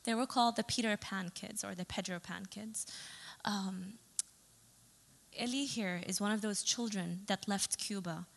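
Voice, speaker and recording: A young adult woman, a photographer from Saudi Arabia, gives a chatty presentation talk full of fillers and self-corrections. Her mid-range voice is unhurried, with vocal fry, and a hall's long reverb surrounds it.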